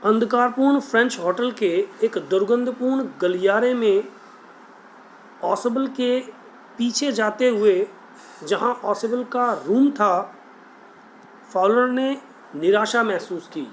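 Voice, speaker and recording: Guy teaching a chapter, highish voice, takes his time, faint hum behind. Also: rough recording. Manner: reads English lines slowly, then explains them quickly in Hindi. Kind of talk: bilingual chapter explanation.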